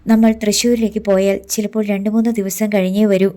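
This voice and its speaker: A woman's voice: little pitch movement, a little fast, dark tone, close to an everyday voice. Woman reading a scheming, determined young man. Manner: low, firm, matter-of-fact.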